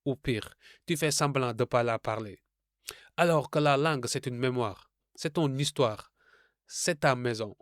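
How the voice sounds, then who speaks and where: A man's voice: medium pitch, a little slow, no room sound, clean studio sound. A man from francophone Africa giving a scripted commentary, didactic and rhetorical, speaking straight to the listener. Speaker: video essayist.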